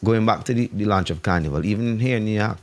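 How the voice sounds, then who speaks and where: A man's voice: on the low side, fast. A man from St Vincent with a Vincentian accent, chatting casually and giving his opinions emphatically, repeating phrases to press his point. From St Vincent, Caribbean. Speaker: talk show guest. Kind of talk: casual, animated opinion talk.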